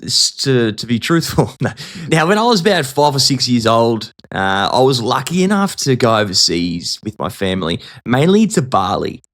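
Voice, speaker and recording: A man's voice: mid-range voice, very animated, moderate pace, fairly bright tone. Chatty, joking male host in his thirties, casual solo podcast. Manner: jokey, chatty, self-deprecating.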